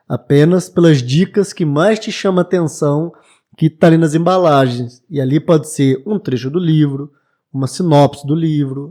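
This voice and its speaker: Reflective Brazilian man, late 20s, podcast guest; mellow tone, slightly higher pitch, halting restarts. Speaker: bookshop owner, guest. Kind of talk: casual podcast interview.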